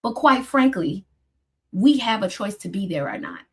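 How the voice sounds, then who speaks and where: A woman therapist giving casual advice to her viewers, emphatic and direct, calling them "y'all" and jumping up in pitch when she drives a point home. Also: big pitch swings, normal speed, fairly bright tone, breathy edge. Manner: emphatic, addresses listeners as "y'all", rises sharply when stressing points. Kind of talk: casual motivational talk.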